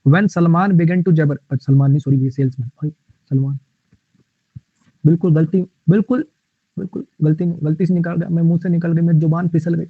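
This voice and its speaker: Teaching English vocabulary live online, a fairly high-voiced man with a breathy edge and fairly even intonation uses playful memory tricks and reads example sentences slowly. He sounds tinny, like a phone, with no echo from the room.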